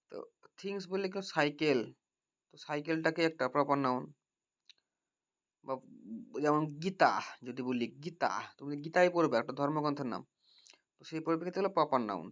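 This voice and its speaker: Man tutoring grammar with many checking questions, slightly high voice. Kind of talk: grammar lesson. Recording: dull lo-fi recording.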